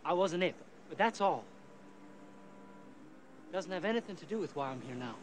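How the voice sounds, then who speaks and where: An actor in his twenties playing an earnest, determined young gentleman lawyer, insistent, in a period film drama. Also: high-pitched, lively intonation, normal speed, a little hiss or hum. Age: 20s.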